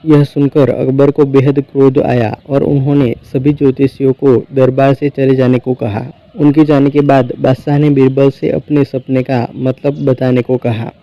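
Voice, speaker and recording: Man reading old court tales, steady and measured; dry, slightly muffled recording. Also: medium pitch, dry recording. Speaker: storyteller. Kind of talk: scripted narration of folk tales.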